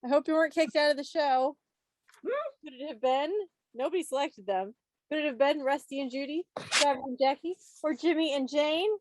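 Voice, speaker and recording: A woman runs a trivia quiz for a club meeting on a video call, teasing players playfully and tossing in mock-dramatic asides. She speaks high and fairly quickly, with background noise audible.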